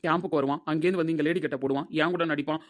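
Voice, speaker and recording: A man playing an angry, hurt young man who shouts and scolds his lover in a Tamil audio drama. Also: a little high, steady tone, rapid-fire, lightly acted. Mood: bitter anger.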